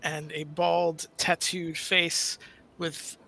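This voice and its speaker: Male game master, very bright tone, slow dramatic narration, suspenseful pauses. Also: fairly high pitch, little pitch movement, creaky. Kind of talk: dramatic tabletop game narration and table talk.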